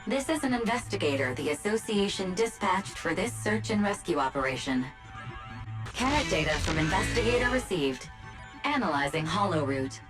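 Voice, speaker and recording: A woman voicing a calm, gentle female rescue AI assistant in a video game, politely announcing readouts in an even manner. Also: mid-range voice, normal speed, natural voice. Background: game music.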